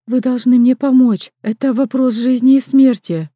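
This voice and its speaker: A woman's voice: on the high side, steady tone, normal speed, mellow, dry recording, clean studio sound, voice pushed up, close to an everyday voice. A woman voicing a young mother in labor, strained and urgent, speaking through clenched teeth.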